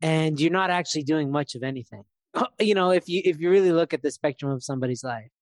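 A man's voice: fairly high pitch, fast, no room sound, clean studio sound. A man in his thirties, co-hosting a podcast in casual chat, talking in a loose, reflective way with many fillers. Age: 30s. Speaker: podcast co-host.

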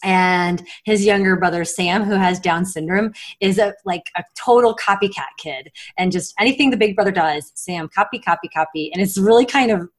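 A woman's voice: medium pitch, moderate pace, hardly any pauses. A woman in her forties, a mother, talking in a casual podcast interview with a chatty, sarcastic humor and frequent laughs. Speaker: guest, mother of several children.

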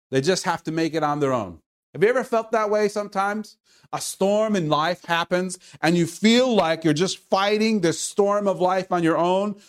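Male preacher, earnest and chatty, slow delivery. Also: sits high, clean tone. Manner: earnest, conversational preaching with sudden loud calls. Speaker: pastor. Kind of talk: sermon.

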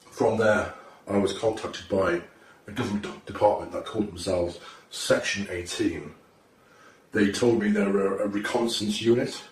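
A man speaking through a voice-disguising effect that pitches him deeper, talking in a halting, hesitant way. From Britain. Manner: halting, hesitant delivery with frequent pauses and fillers. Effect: voice disguised deeper by a pitch-shifting effect. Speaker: self-proclaimed time traveller in an online video. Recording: roomy, distant recording with faint background noise.

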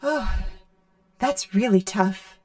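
A woman voicing a childlike female android in a tabletop game, answering in slow, halting bursts, often stuck repeating yes and no. Her voice sits at an ordinary pitch, recorded dry and close. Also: darkish tone, no room sound, soft background music, natural voice. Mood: plain.

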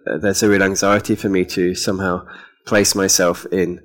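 A man speaking on a festival panel, hesitant and self-deprecating, with many pauses and ums. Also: deep voice, level tone. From England. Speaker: poet on a panel. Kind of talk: live onstage conversation. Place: festival event before an audience.

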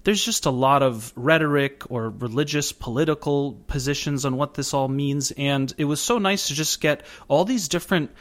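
A man's voice: fairly high pitch, normal speed, few pauses. A man hosting an interview show, asking long, earnest questions with many fillers. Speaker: host.

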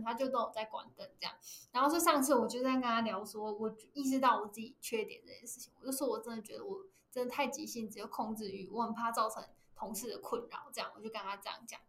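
Taiwanese lady cohost rattling off stories quick, high bright voice, laughs a lot, bit echoey room. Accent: Taiwanese Mandarin. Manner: animated storytelling, laughs often. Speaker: podcast co-host. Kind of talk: casual chat.

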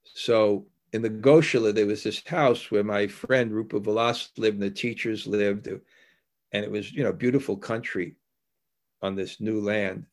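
Fairly low in pitch and fairly even in intonation, a man's voice carries a spiritual discourse built on anecdotes. As a devotional teacher, he combines scripture reading with storytelling, talking in a halting, reflective, conversational style.

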